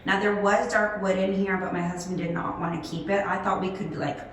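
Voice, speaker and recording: A woman's voice: medium pitch, fairly even intonation, a little fast, a little hiss or hum. A woman casually narrating a home renovation tour as its host, gushing over the decor with emphatic adjectives.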